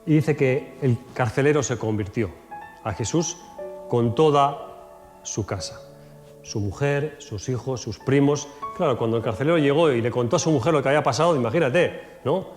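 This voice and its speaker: Lively storytelling pastor in a church hall. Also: male voice, medium pitch, normal speed. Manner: acts out Bible scenes in quoted voices, shouts and laughs. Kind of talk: storytelling sermon. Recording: echoey church hall with faint music.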